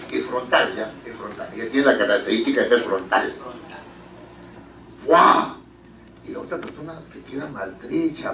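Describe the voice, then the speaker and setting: Lively male lecturer in an echoey hall. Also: mid-range voice, distant mic, background noise. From Peru. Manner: lively, rhetorical questions, anecdotes. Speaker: parliamentary writing instructor. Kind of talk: classroom lecture.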